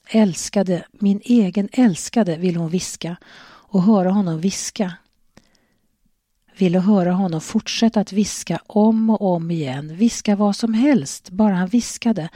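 Brief: low, warm-toned woman reading literary fiction softly, close and dry. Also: dry recording. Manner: soft, measured reading, dropping to a whisper at times. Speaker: narrator. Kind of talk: audiobook narration of a novel.

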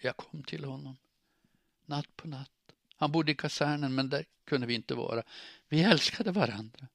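A man voicing a distraught young woman who is crying and pleading, her voice high and shrill. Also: creaky, a bit bright, no room sound, clean studio sound. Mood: dazed.

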